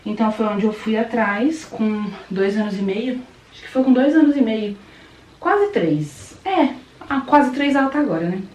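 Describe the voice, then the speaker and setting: A woman's voice: fairly high pitch, lively intonation, moderate pace, darkish tone, a little hiss or hum. A young woman from Brazil chatting to camera as a vlogger mother, explaining at length with frequent tag questions. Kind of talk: casual chat to camera. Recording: roomy echo, distant camera mic.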